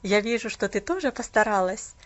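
A woman's voice: mid-range voice, lively intonation, a little fast, lo-fi sound, pitched below the performer's own voice, close to an everyday voice. A woman reading as a polite young man. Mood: courteous.

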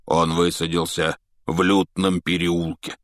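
A man doing a gruff raspy giant gamekeeper. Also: low-pitched, little pitch movement, no echo, clean studio sound, pitched below the performer's own voice. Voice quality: growling, raspy. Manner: slow, halting, folksy speech. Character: huge gruff male giant gamekeeper, rough-spoken. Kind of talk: audiobook character voice.

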